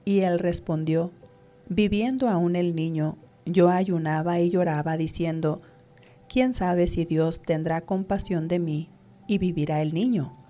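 A woman reads scripture in a measured, even manner. Her voice sits fairly low and has a warm, mellow tone. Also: soft background music. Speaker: scripture reader. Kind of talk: steady scripture reading.

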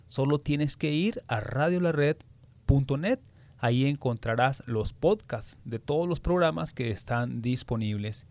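A man's voice: medium pitch, a little mellow, dry recording. A man hosting a children's religious radio program, addressing young listeners directly. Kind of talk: children's radio show presenting.

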